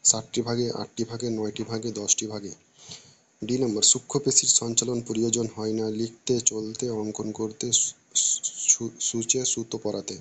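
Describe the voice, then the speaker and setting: A man reads out exam questions one by one, in a level, even voice with little rise and fall. He moves through the answer choices at a measured, steady pace, stopping now and then to restart a word. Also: on the low side, breathy edge. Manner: flat, steady reading with small restarts. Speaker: teacher reading an exam paper. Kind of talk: reading exam questions aloud.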